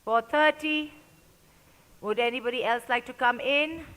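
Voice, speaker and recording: A woman's voice: high voice, unhurried, bright, forceful tone. A woman working as an auctioneer at a live event, calling out and repeating bids in short, clipped phrases. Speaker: auctioneer at a sports player auction. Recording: echoey large hall with long reverb.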